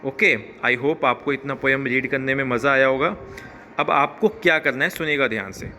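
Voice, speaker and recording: A young man teaching a class of children, reading a poem slowly line by line and repeating it, then explaining in Hindi, filmed on a phone at a school. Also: medium pitch, pushed and bright, soft background music. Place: school grounds, filmed while walking around.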